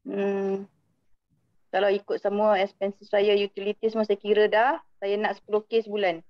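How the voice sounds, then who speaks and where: A woman's voice: medium pitch, completely flat delivery, moderate pace, highs cut off. A woman taking part in a coaching class, answering questions briefly. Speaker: class participant.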